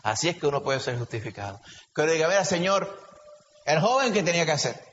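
A man preaching a sermon with a Puerto Rican Spanish accent, animated and full of rhetorical questions. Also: a little high, quick pace, slight background noise. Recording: lo-fi recording with long hall reverb.

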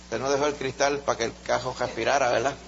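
A man teaching a Bible study in a lively, storytelling way, in a muffled recording. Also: medium pitch, fast, creaky. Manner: animated storyteller, acts out voices. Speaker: preacher. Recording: muffled recording with faint hum.

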